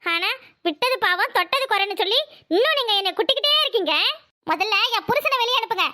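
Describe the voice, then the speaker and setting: A woman's voice: very high-pitched, animated, quick pace, sharp tone, full character voice. A woman voicing a young wife who pleads with her husband and stubbornly defies her in-laws. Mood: pleading. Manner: pleading, insistent.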